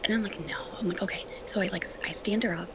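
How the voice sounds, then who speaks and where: A woman talking in a hushed, half-whispered way, swearing and rambling with many fillers. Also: medium pitch, fast. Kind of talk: casual chat. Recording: noisy background.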